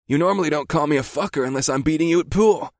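A man's voice: fairly high pitch, fast, a little mellow, no echo, clean studio sound, pitched above the performer's own voice, lightly acted. A man voicing a breezy, teasing young male friend who ribs and jokes. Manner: joking, ribbing, mock-innocent.

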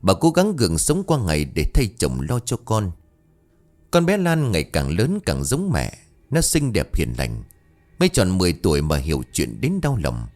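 A man's voice: low-pitched, wildly swooping pitch, normal speed, a little mellow. Guy reading a ghost story, really dramatic, voice goes up and down a lot. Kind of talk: scripted narration of a ghost story. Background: faint background music.

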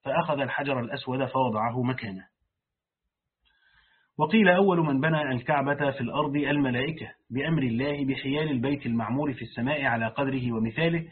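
A man reading a Quran commentary aloud and pausing to explain it in plain colloquial speech, like a sheikh teaching a lesson. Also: mid-range voice, breathy edge. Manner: reads the text aloud, then breaks off to explain it in colloquial speech. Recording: tinny phone-like lo-fi recording.

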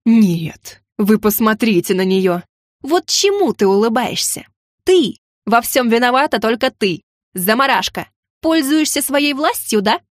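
A woman voicing a haughty, hysterical noble mother who scolds in a shrill voice. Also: expressive, moderate pace, a little mellow, no room sound, clean studio sound. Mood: furious.

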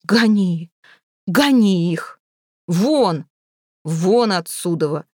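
Gruff blunt big mustached guy read by a woman, dry voice. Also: on the low side, measured pace, darkish tone, no room sound, close to an everyday voice. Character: towering mustached man, gruff.

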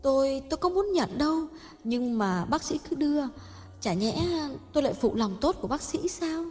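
A woman's voice: sits high, moderate pace. Woman playing a cool, mocking young mistress. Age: 20s. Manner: calm, polite, coldly mocking. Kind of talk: audio story acting. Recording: long hall reverb, faint music.

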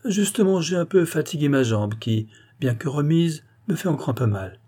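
Male narrator as shrewd young sleuth, insistent, husky low timbre. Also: lively intonation, normal speed, mellow. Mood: breezy. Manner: insistent, probing, confident. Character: sharp, cunning young male detective.

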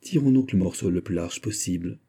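A man voicing a dying old male cardinal who pleads and flatters theatrically, with a husky, dark voice. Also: deep voice, a little fast, heavily acted. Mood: scheming.

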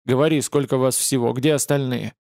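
A man's voice: mid-range voice, fairly even intonation, darkish tone, no echo, close to an everyday voice. A cruel, sardonic fallen angel from a fantasy audiobook, as a man puts him on. He drawls his threats with studied indifference and a mocking edge. The sound is dry and close to the mic. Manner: mocking, deliberately casual.

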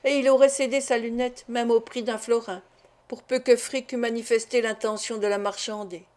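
A woman reading a classic novel aloud as an audiobook narrator, in measured, clear narration. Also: fairly high pitch, steady tone, a little mellow. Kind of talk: scripted literary narration.

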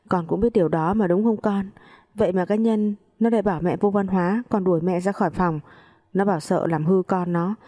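A woman's voice: on the low side, dark tone, lightly acted. A woman voicing a scheming mother-in-law in her late fifties who wails and pities herself tearfully. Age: 50s. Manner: tearful, self-pitying wailing.

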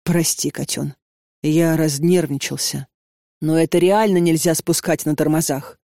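A man's voice: on the high side, fairly even intonation, unhurried, creaky, mellow, no echo, clean studio sound. Woman doing a controlling, hot-tempered young man. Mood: insistent. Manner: insistent, domineering.

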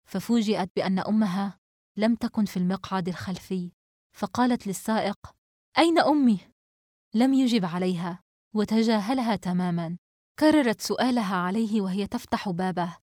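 A woman's voice: mid-range voice, a little mellow, no room sound. Woman narrating a novel, dry recording. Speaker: audiobook narrator.

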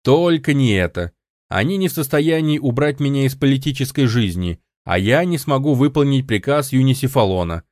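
A man voicing a tired, defiant male broadcaster in an audiobook, speaking slowly and deliberately. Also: mid-range voice, darkish tone, no room sound, studio quality, lightly acted. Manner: weary, slow and deliberate.

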